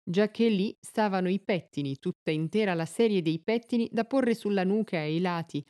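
A woman narrating a story aloud in a measured, expressive audiobook reading. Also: medium pitch.

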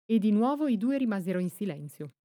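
A woman reading an audiobook in a calm, measured storytelling voice. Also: medium pitch, dry recording, studio quality. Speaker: audiobook narrator. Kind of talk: scripted audiobook narration.

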